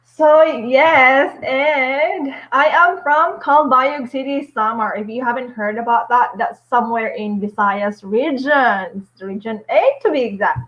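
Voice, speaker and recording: A Filipino nurse and vlogger in her forties chats upbeat on a casual live stream from home, using many fillers and little laughs. Her voice is high and a bit bright, a little slow, with few pauses. The stream audio is dull and lo-fi.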